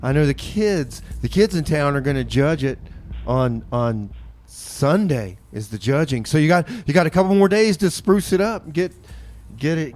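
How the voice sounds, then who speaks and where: A community radio host with a fairly high, somewhat mellow voice chats easily in the studio and reads out announcements. He's relaxed in his banter and addresses his audience as folks.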